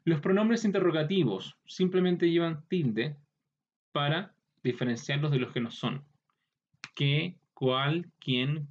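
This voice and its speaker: A man teaches a grammar lesson at a medium pitch. He repeats each example word and adds quick asides as he explains. The recording sounds slightly dull and lo-fi.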